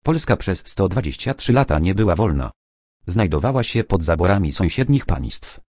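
A man's voice: deep voice, big pitch swings, normal speed, a little mellow, slightly rough, no room sound, clean studio sound, exaggerated voice. A man reading a patient schoolteacher. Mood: explaining. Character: calm female schoolteacher explaining patiently.

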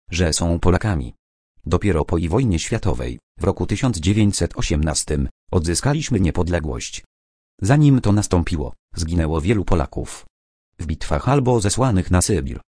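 A man reading out the lines of a calm female schoolteacher who explains things patiently. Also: sits low, no room sound, clean studio sound.

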